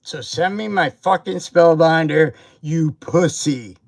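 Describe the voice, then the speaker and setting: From his home livestream setup, a toy reviewer and stream host with a fairly high voice speaks slowly as he rants angrily at a seller. His jabs are profane, confrontational, and repetitive.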